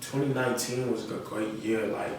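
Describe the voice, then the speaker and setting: With a voice on the low side, a steady tone and a moderate pace, a young rapper from North Carolina, United States, answers podcast interview questions. He talks casually in slang, often checking "you feel me." An echoey, noisy room and a distant mic shape the sound.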